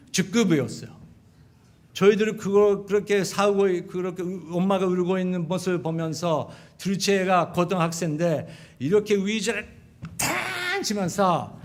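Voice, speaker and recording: A middle-aged man with a Japanese accent, a pastor preaching a sermon in an animated storytelling manner. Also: high-pitched. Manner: animated storytelling, acting out quotes of wife and sons. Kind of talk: sermon with acted family stories.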